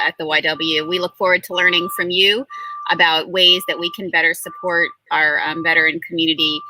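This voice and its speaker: Female interview host, middle-aged, bright and slightly low, filler-heavy casual delivery. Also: a little hiss or hum, low-quality recording. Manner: many fillers, warm thanks to guests. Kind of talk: conversational interview.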